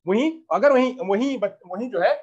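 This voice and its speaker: A man's voice: sits high, animated, moderate pace, darkish tone, lo-fi sound. A man teaching a teacher-training lesson, explaining step by step with examples and often repeating himself.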